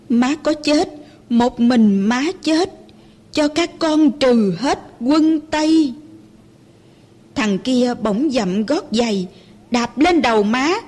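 A woman reciting poetry with measured, dramatic declamation. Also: high-pitched, a little mellow.

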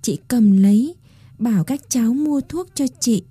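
A woman reading a story aloud and voicing a gentle, devoted Buddhist nun in a soft, pleading tone. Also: on the high side, unhurried, breathy edge, dry recording. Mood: tender, pleading.

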